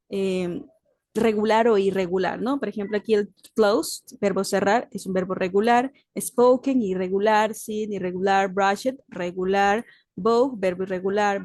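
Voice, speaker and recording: This is a recorded online lesson from a patient English teacher whose mid-range voice has a darkish tone. She explains things calmly in a mix of Spanish and English, often checking in with "¿sí?". The sound is very dry, with no echo.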